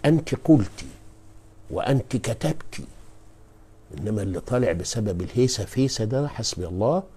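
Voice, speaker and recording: A man with an Egyptian Arabic accent giving a live-streamed religious lecture as a preacher and scholar. He speaks emphatically, moves between quiet asides and loud stressed words, and often addresses his listeners directly. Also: fairly low pitch, animated, normal speed, husky.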